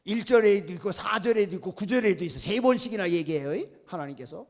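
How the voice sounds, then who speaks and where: High-voiced emphatic male preacher. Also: lively intonation, fast. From Chungcheong, South Korea. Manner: emphatic, exhorting, folksy humor. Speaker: guest pastor. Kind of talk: revival sermon.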